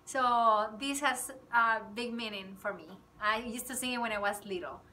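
Teacher lady, bright high voice, slow and gentle, sounds a little far from the mic in a classroom. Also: slight background noise. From Chile. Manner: switches between Spanish and English, sings with ukulele. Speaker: kindergarten teacher. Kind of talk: bilingual song lesson. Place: classroom indoors. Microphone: camera a few feet away.

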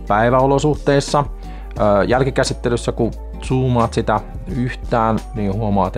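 A middle-aged man talking to the camera from a small home studio, reviewing a camera in a calm, unhurried way with frequent hesitant fillers. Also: mid-range voice. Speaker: sailing channel host.

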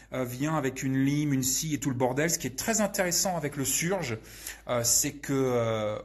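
A man with a husky, slightly rough voice talks through viewer questions in a loose, off-the-cuff way. He hesitates constantly and throws in crude slang, sounding relaxed and unscripted. His pitch sits right in the middle for a man. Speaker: channel host answering viewer questions. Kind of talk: casual live Q&A chat.

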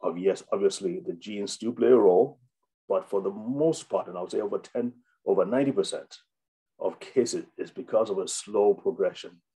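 A man's voice: fairly low pitch, moderate pace, mellow, husky, poor audio. A man, a doctor, giving an unscripted health webinar, with many fillers and restarts. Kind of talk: informal health talk.

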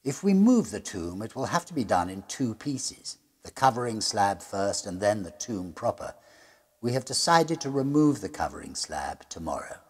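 A middle-aged storyteller reads a classic ghost story aloud as a diary, with music playing underneath. His husky, fairly low voice has a sing-song lilt. The dramatic gothic narration is grave and deliberate, and it sinks to a hush at the ends of phrases.

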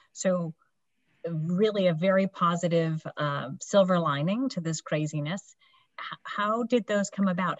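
A woman moderating a video call panel, asking clear questions steadily. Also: on the low side. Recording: dull video call audio.

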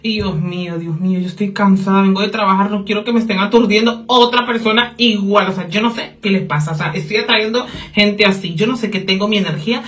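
A young woman tells a gossip story to her vlog camera at an ordinary middle pitch. She giggles often, swears freely and tosses in bits of English as she chats. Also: fairly even intonation, fairly quick, few pauses. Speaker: vlogger.

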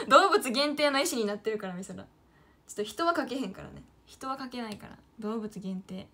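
A woman's voice: fairly high pitch, animated, moderate pace, bright, forceful tone, a little hiss or hum. A woman in her late teens from Kyoto, with a Kyoto Kansai accent, chatting casually to herself and her viewers on a livestream while she draws. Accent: Kyoto Kansai dialect. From Kyoto, Japan. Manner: chatty, talks to herself, calls herself by name. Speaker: idol livestreamer.

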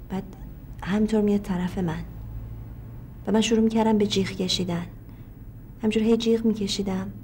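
An actress playing a reflective woman writer in a televised stage drama, speaking in a calm, musing manner. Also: mid-range voice, slight background noise, natural voice. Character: reflective woman writer recalling her own dreams.

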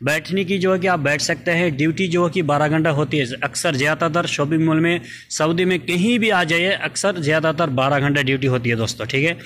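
A man talks viewers through his shop-floor job in a casual, chatty vlog, leaning on the same little fillers again and again. His voice sits a bit higher than most men's. A phone picks him up in the aisles, with faint store ambience underneath. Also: fairly quick, a bit bright, slight background noise. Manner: chatty, frequent filler "theek hai" and "doston". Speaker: vlogger showing his supermarket job. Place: supermarket aisles, indoors.

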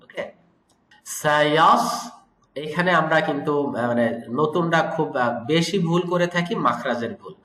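Man teaching Quran recitation, bright, somewhat high voice, patient syllable-by-syllable demos, echoey room. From Bangladesh. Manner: corrective, repeats and draws out syllables slowly. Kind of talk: tajweed lesson with recitation demos.

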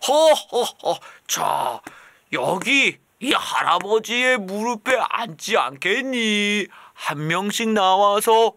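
A man voicing a jolly old male kindergarten Santa with a booming ho-ho laugh. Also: expressive, slow, sharp tone, no echo, exaggerated voice.

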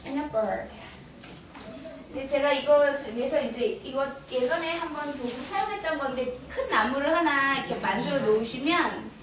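Lively lady running a teacher workshop, high voice, noisy room, mic far off. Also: normal speed. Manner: animated, laughing, mixing English into Korean. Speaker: teacher trainer. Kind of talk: classroom storytelling workshop. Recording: echoey room, recorded from afar, noisy.

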